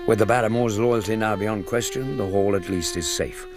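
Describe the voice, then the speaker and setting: Actor as low, grave English gentleman doctor. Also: natural voice. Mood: grave, brooding. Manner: grave, measured, well-spoken. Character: earnest, loyal gentleman doctor, companion to a detective. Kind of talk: radio drama acting with narrated letters. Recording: radio drama with music behind.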